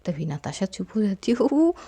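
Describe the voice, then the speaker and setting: A woman narrating a spoken love story in a soft, half-whispered telling, and signing off to listeners. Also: mid-range voice, very animated, moderate pace, slightly rough.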